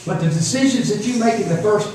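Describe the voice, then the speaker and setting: He's a fast talker whose voice sits high with a darkish tone, preaching informally to young people at a youth camp in a folksy, repetitive way. Recorded on a faraway mic, the sermon comes through with room echo and faint noise.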